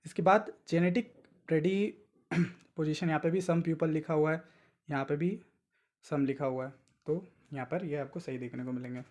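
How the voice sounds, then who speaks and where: A young man teaching exam tricks in a casual, coaxing lesson, often slipping into English and reading statements aloud slowly. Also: on the high side, darkish tone. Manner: chatty, coaxing, mixes English words and reads English statements slowly. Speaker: exam coaching tutor. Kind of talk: informal exam-tips lesson.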